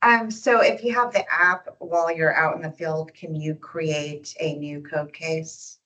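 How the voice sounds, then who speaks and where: A woman attending a training session asks a hesitant question. Her voice is low yet bright and sharp, and it sounds distant from the microphone. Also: steady tone, unhurried. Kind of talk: asking a question.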